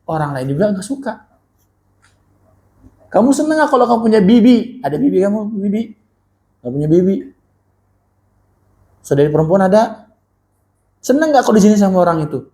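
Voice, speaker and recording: A man preaching to a young crowd in an animated, slangy style, with a fairly high but soft, mellow voice. He keeps turning to his listeners with quick questions and answers some of them himself. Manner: animated, keeps quizzing the audience; colloquial, slangy. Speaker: Islamic teacher. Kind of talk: casual sermon to young people.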